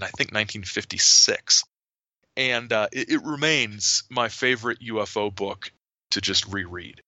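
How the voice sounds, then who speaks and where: A man's voice: lowish voice, pushed and bright, dry recording, lo-fi sound. A man chatting casually as an author and podcast guest, rambling and often repeating words as he starts a sentence. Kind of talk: casual storytelling chat.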